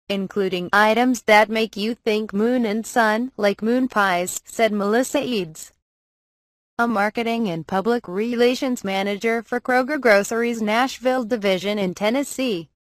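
A woman giving a measured, scripted news narration as a voice-over. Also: medium pitch, dry recording.

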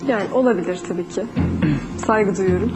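A woman reality show contestant explaining her vote, measured and disapproving. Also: medium pitch, over loud music. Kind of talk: explaining a nomination.

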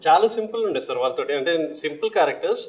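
A man's voice: fairly high pitch, animated, very fast, recorded from a distance, lo-fi sound. Terse man. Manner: short, plain answers. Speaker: film director. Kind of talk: interview answer.

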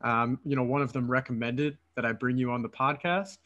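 This podcast host, a man in his thirties from Philadelphia, conducts a relaxed interview by video call from an apartment room on a headset, talking eagerly in long runs with some fillers. His mid-range voice is bright and forceful, fairly quick and even in intonation, though the audio sounds dull.

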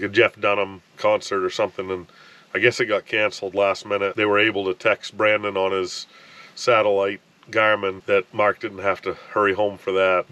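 A fishing vlogger in his thirties talks casually to camera from inside an ice fishing tent on a frozen lake while wind blows outside. He's relaxed and rambling, restarting often and saying "you know" a lot. His voice is lowish, with no room sound.

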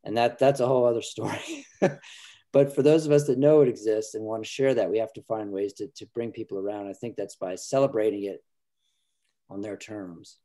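A man's voice: on the low side, dark tone. A middle-aged man, a filmmaker guest, talking earnestly from home on a video call, often restarting his sentences. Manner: earnest, halting, many restarts. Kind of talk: casual video call discussion. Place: home room indoors. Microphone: video call webcam.

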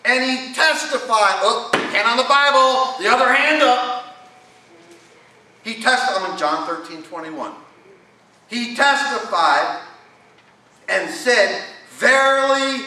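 A man's voice: very high voice, bright, forceful tone. A middle-aged man preaching a sermon in a folksy way, asking his congregation questions. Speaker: pastor. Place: church sanctuary. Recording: echoey church from a distance.

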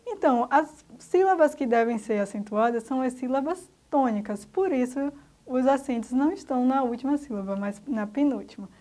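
A woman's voice: sits high, expressive, moderate pace, warm tone. A woman teacher with a Brazilian Portuguese accent, patiently explaining a grammar lesson to children step by step. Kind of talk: recorded remote school lesson.

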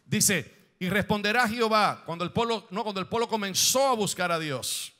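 High, bright-voiced preaching pastor. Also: male voice, animated, moderate pace. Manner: preaching with rising questions and sung phrases; reads scripture aloud and explains it. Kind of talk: sermon.

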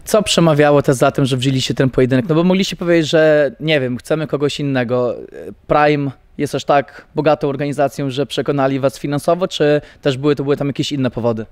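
A man's voice: on the high side, fairly even intonation, brisk, clean tone, no room sound. A young man interviewing a coach in a studio, asking short casual questions into a handheld mic. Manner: brief prompting questions and nods. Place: studio with banner backdrop.

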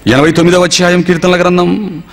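A man's voice: sits high, flat delivery, fast talker, a bit bright. A male preacher giving a dramatic sermon, acting out everyday scenes and putting questions to his listeners. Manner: dramatic storyteller, acts out dialogue, asks the congregation questions. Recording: long reverb.

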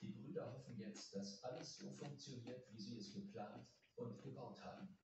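A man's voice: medium pitch, normal speed, muffled recording. A man reading scripted documentary narration. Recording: echoey distant playback, loud noise.

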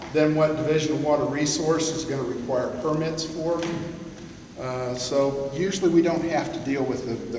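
A middle-aged American man giving a plain-spoken workshop talk, relaxed, with lots of "uh" fillers, recorded from a distant camera in a large gym. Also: medium pitch, background noise. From United States. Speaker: conservation agency staff speaker. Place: large gym-like hall with wooden floor, indoors. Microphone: far camera. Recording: very echoey hall, voice from far off.

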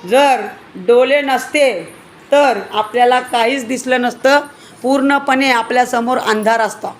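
A woman with a fairly high voice and a Marathi accent leads a class of small children. She keeps quizzing them and coaxing them to speak up. A faint hiss of noise sits under her voice. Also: a little slow. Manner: questioning, coaxing children to answer louder. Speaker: preschool teacher. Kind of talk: classroom teaching to young children.

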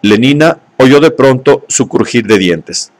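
A man reading a novel aloud in scripted narration, at a steady, measured pace. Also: medium pitch. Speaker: audiobook reader.

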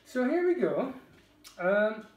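This beer vlogger, a middle-aged man with a Geordie accent, has a high, very animated voice but speaks slowly, wryly chatting and occasionally swearing while reviewing a beer. He's filmed by a camera across his home kitchen table. The roomy space makes him sound distant, and the highs are cut off.

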